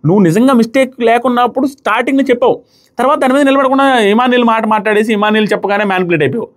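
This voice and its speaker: A man giving casual, animated commentary on a reality show and acting out the contestants' quoted lines. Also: extremely high pitch, very fast.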